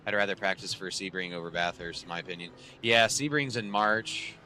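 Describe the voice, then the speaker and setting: Deep-voiced man chatting casually on stream. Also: a little fast, pushed and bright, a little hiss or hum. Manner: rambling, sarcastic, filler-heavy. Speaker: sim racing streamer. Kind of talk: casual chat to viewers. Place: home sim racing setup.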